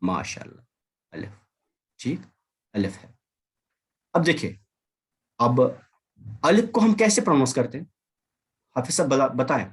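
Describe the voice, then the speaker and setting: A man's voice: medium pitch, very animated, long pauses, husky. A man teaching an online language class over a video call, patiently repeating and drilling examples. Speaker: Arabic teacher.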